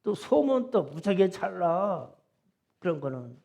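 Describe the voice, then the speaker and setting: A middle-aged man preaching a Sunday sermon in a church, his voice pitched high with a gravelly, creaky grain. He tells his story in a folksy, chatty way. He drops into soft asides and then presses his points home with loud, emphatic insistence. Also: sing-song, measured pace. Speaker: pastor. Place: church sanctuary.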